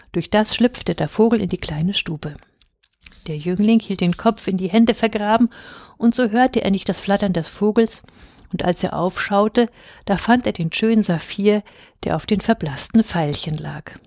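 A woman reading a fairy tale aloud in a calm, measured way. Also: medium pitch, dry recording, clean studio sound. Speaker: storyteller. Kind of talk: storybook reading.

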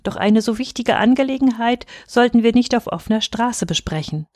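A woman voicing a clever young noblewoman in a storybook, speaking in a composed, measured way. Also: lowish voice, no echo, clean studio sound, close to an everyday voice. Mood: feigned sweetness. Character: clever young noblewoman, scornful, feigning sweetness.

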